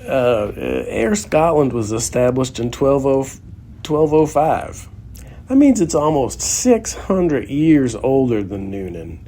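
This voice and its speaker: A man's voice: medium pitch, big pitch swings, slow, mellow. A man, a young adult guest comedian, delivering a sarcastic, grumbling comedic rant.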